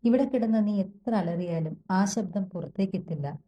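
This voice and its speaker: A woman voicing a possessive young man who speaks slowly in a low murmur, reading an audio story. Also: dull audio, a little hiss or hum, lightly acted. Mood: menacing. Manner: slow, low murmur close to the ear. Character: possessive young man menacing his captive.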